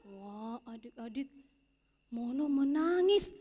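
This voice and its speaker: A woman Sunday school teacher telling a story to children, talking to them directly in an animated way. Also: a little high, slow, big-room sound.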